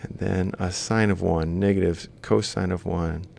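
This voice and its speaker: In a screen-capture lesson, a male university lecturer with a deep voice full of vocal fry works methodically through each step, thinking aloud as he writes and reading off values in fragments. His intonation is fairly even, his pace measured, and his tone a little mellow. Some rumbly noise can be heard behind him.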